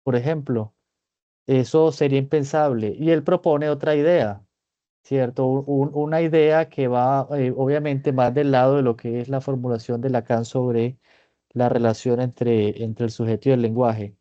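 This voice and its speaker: Sex: man. Role: psychoanalyst lecturing a seminar. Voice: mellow, dry. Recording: dull, lo-fi online meeting. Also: medium pitch, fairly even intonation, dry recording. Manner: measured, reflective, checks in with "right?" asides. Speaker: psychoanalyst presenting a clinical case in a seminar. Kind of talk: seminar lecture, thinking aloud.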